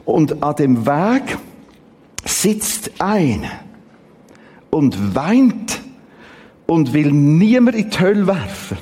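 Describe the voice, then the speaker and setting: A male preacher with a Swiss German accent delivers a sermon in an unhurried, deliberate tempo. His fairly high voice swings dramatically up and down, and he repeats words for emphasis. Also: sing-song, dark tone, slightly rough. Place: church service.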